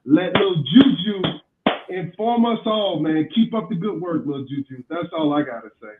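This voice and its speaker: A man chatting on a livestream through a headset that sounds muffled, with only the bass coming through, as if underwater, speaking encouraging blessings to the host. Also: expressive, normal speed, heavy background noise. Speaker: stream guest. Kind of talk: casual chat on a livestream. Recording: muffled phone-like line with room echo.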